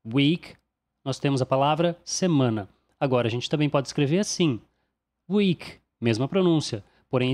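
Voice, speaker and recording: A man with a Brazilian Portuguese accent gives a pronunciation lesson at a middle pitch. He explains each point in a clear, didactic way and says every example word slowly, often twice. The voice-over stays calm and even. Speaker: English pronunciation teacher. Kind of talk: instructional explanation.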